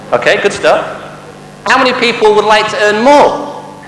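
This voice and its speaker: In a large, echoey hall with long reverb and a faint hum, a man from Manchester with a Mancunian accent delivers a motivational sales seminar to a live audience. He speaks slowly in a high, fairly bright, very animated voice, firing off rhetorical questions and jokes.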